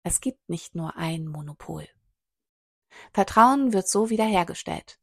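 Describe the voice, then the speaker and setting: Woman with a gravelly voice reading aloud. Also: on the low side, animated, measured pace, fairly bright tone, no room sound, clean studio sound. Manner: clipped, list-like delivery in short fragments. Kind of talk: reading a text aloud with brief asides.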